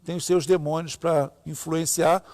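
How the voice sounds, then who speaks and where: A man's voice: on the high side, steady tone, a little slow, a little mellow. A Brazilian man reading and commenting on scripture informally as a pastor, repeating key phrases for emphasis. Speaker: pastor, co-host. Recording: long hall-like reverb.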